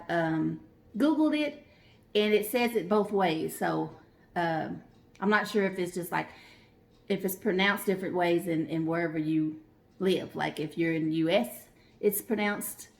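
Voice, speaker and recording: Rambling, chatty woman vlogger, low-ish voice. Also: unhurried, vocal fry. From Oklahoma, US. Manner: rambling, chatty, thinks aloud. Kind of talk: casual mukbang vlog talk.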